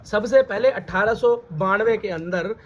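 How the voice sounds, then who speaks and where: A man's voice: high voice, measured pace, a little hiss or hum. A man teaching a biology lesson, who calls his students "beta", asks them questions and repeats their answers. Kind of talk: classroom lecture. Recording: dull lo-fi recording.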